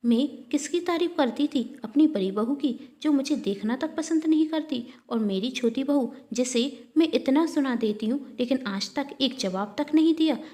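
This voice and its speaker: Woman voicing a sharp-tongued old mother-in-law. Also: high voice, lively intonation, normal speed, hardly any pauses. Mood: regretful. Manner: scolding, bitter retorts.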